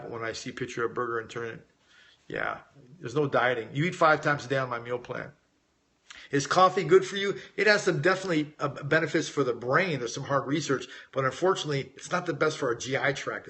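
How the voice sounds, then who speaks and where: Brisk and a bit bright, with a mid-range voice, this man is a middle-aged American raised in Las Vegas. He coaches weight loss and is hosting a live Q&A, where in a relaxed live-stream chat he reads viewers' questions and gives informal answers. He stays conversational and talks directly to his audience.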